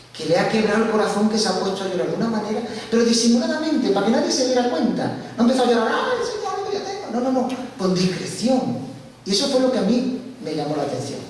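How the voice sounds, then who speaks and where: A man giving a church testimony, telling his story with animated, acted-out dialogue. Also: high voice. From Spain. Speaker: guest speaker giving testimony. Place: large church hall. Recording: echoey church hall from far off, faint hiss.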